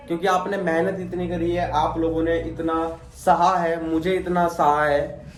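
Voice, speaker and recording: A young man, a math teacher, giving his class a casual, encouraging pep talk before their exam. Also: high voice. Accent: Delhi Hindi. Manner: encouraging, conversational. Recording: roomy classroom echo.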